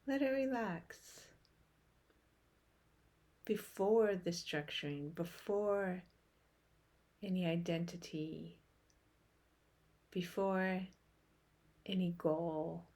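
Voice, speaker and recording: Short phrases and long pauses mark this guided meditation, led by a woman whose soft, hushed voice sits on the low side and trails off nearly to a whisper.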